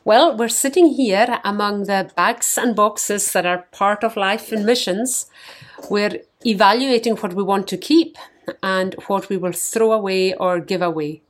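A middle-aged woman from Scotland gives a devotional message as a mission leader. She reads in a gentle, reflective way. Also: medium pitch, unhurried.

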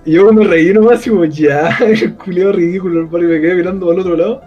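A man's voice: high-pitched, fairly even intonation, racing, mellow, slightly rough, lo-fi sound, faint music behind. A man with a Chilean accent, a podcast co-host, telling a story in casual, crude slang and acting out the people in it. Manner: crude slangy storytelling, acts out quoted voices.

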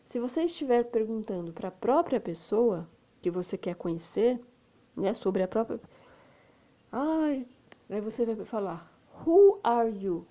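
A woman with a Brazilian Portuguese accent, a native Portuguese speaker, teaching English and slowly repeating example phrases, often adding "né?". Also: on the high side, animated, warm tone, lo-fi sound. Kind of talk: slow explanatory lesson.

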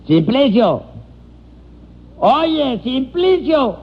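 An actor playing a cheeky streetwise man on trial, slangy and quick in a radio comedy. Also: fairly high pitch, long reverb tail, natural voice. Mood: joking. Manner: fast, slangy, keeps saying "chico". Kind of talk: 1950s radio comedy acting. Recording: dull old radio recording.

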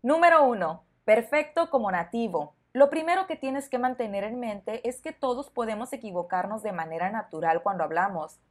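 Lady doing a spanish lesson podcast, clear and encouraging, talks right to you. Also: medium pitch, animated, moderate pace, few pauses, a little mellow. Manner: clear, encouraging, speaks directly to the listener. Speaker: Spanish teacher, podcast host.

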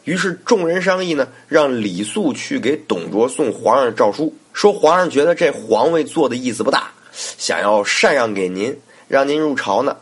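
A man's voice: medium pitch, lively intonation, normal speed, husky. A man, telling a historical story in a chatty, colloquial way as podcast host. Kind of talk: casual storytelling narration.

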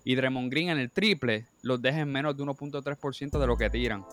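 A man's voice: mid-range voice, fast talker, fairly bright tone, soft background music. A man with a Caribbean Spanish accent arguing a basketball debate as a panelist, reeling off statistics and mixing in English terms. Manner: stat-heavy, with English terms mixed in. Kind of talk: argumentative sports debate with statistics.

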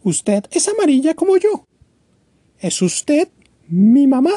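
A man's voice: very high-pitched, very animated, takes it slowly, warm tone, dry recording, voice pushed up, full character voice. A man reading a storybook aloud, voicing a tiny lonely little bird who pleads and sobs. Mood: pleading. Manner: pleading, sobbing. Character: tiny lonely yellow bird chick, tearful.

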